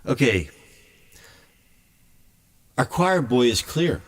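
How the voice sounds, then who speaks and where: A man making music live chats with his viewers in an aggrieved, rambling way, constantly stammering and restarting. His medium-pitched voice swings widely in pitch, and he speaks extremely slowly.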